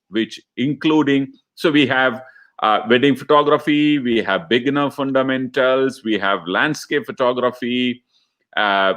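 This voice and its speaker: A man in his fifties with a Malayali accent from India, hosting a casual live chat in a halting, jokey way. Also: mid-range voice, fairly bright tone. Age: 50s. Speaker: webinar host reading viewer comments.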